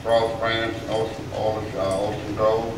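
Older Southern pastor, folksy and joking, heard from across a roomy church with loud background hiss. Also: male voice, fairly low pitch, flat delivery, a little slow. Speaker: visiting pastor. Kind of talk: church remarks. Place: church sanctuary, at a pulpit. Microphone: pulpit mic, filmed by far camera. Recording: echoey church from far off, loud room noise.

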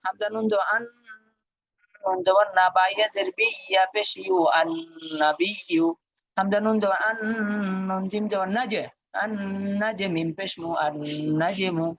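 Male teacher with a high voice, dry dull lo-fi sound, chants letter-by-letter spelling drills. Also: normal speed, long pauses, no echo. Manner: spells out letters and vowel marks in a steady chant, then reads the whole word. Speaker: Quran reading teacher. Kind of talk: spelling-out recitation lesson.

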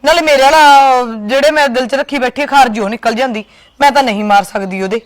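A woman's voice: high-pitched, quick pace, close to an everyday voice. A woman playing a gossipy daughter-in-law who talks a neighbour round. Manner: persuasive, chatty, gossiping about her mother-in-law. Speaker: daughter-in-law in a comedy sketch. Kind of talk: comic village drama.

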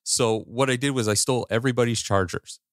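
A man's voice: medium pitch, fast, no echo. Brief: man in his forties, casual podcast co-host, clean resonant voice, dry close mic. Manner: candid, rambling with restarts and swearing. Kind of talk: casual chat.

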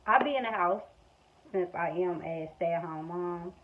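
A young American woman from Missouri with a low voice talks unhurriedly to the camera in a casual, frank, colloquial way. She's a vlogger and stay-at-home mom, recording off the cuff in a small room at home on a phone held at arm's length or propped nearby. The audio is dull lo-fi phone sound, with faint household noise in the background.

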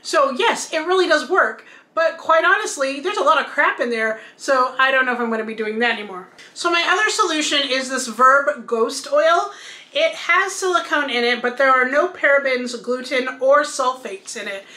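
A woman in her thirties with a high, bright voice chats casually through a product review at home. She explains each item as she holds it up, and her voice carries some room echo. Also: lively intonation, moderate pace. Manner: chatty, explains while showing products. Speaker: beauty vlogger. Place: bedroom at home, indoors.

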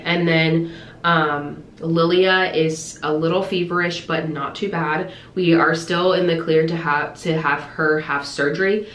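A woman's voice: low-pitched, steady tone, measured pace, a bit bright, roomy sound. A woman vlogger chatting casually, rambling with lots of fillers and sounding congested. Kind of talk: casual vlog chat. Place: car, then home.

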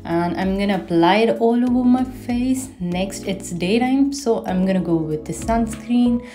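This beauty vlogger, a woman in her twenties, has a mid-range voice with a dark tone and a measured pace. She chats enthusiastically about products in a casual voice-over of her shower and skincare routine, recorded in her home bathroom with faint background music.

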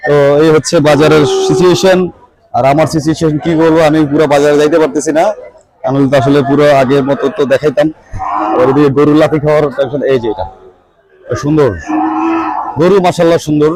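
A man records a walking vlog in a crowded outdoor cattle market during heavy rain. His voice sits a touch high as he chats with sellers about prices and turns to address his viewers. Busy crowd chatter surrounds him the whole time. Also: fairly even intonation, fairly quick, low-quality recording. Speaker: vlogger touring a cattle market.

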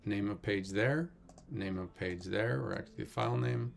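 A man's voice: on the low side, normal speed, creaky, slight background noise. A man teaching a coding tutorial in a casual, wry way, thinking aloud with many fillers. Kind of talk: screen-recorded coding tutorial.

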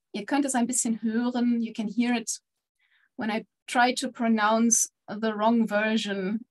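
A woman teaching a live online German lesson, encouraging her students and switching between German and English to explain. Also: fairly high pitch. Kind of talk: online language lesson with quiz.

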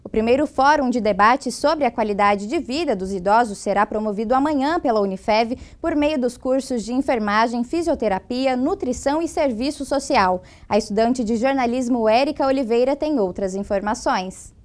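A woman's voice: on the high side, moderate pace, few pauses. A woman in her twenties anchoring a TV newscast, reading scripted items composedly in a studio. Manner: clear, composed delivery. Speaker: news anchor. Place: TV news studio.

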